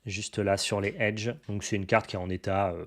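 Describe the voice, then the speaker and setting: A man's voice: lowish voice, little pitch movement, moderate pace. Chatty, enthusiastic French-speaking man. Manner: enthusiastic, chatty, many fillers and restarts. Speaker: card collecting YouTuber. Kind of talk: casual unboxing chat to camera.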